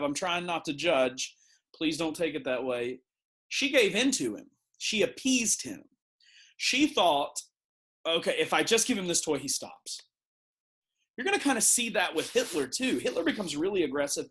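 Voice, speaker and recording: A middle-aged man from the United States gives a recorded history lesson with a slightly raised pitch. He talks in a relaxed, conversational way and uses everyday analogies to explain things. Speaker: teacher.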